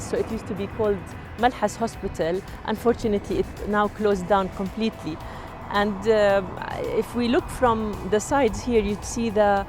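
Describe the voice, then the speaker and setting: Woman from jordan showing her city on foot, mid-pitch voice, lots of uhs and restarts, traffic and faint music behind. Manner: hesitant, many fillers and restarts. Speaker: heritage documenter and guide. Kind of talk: walking tour vlog. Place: outdoors on a city street.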